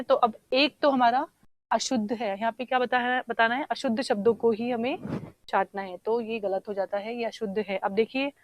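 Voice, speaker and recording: A woman teacher going through exam answers one question at a time. She explains slowly, spells out words while she writes them and keeps checking with "theek hai". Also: fairly high pitch, dry recording, dull audio. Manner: often says "theek hai" to check understanding. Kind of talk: exam answer discussion lesson.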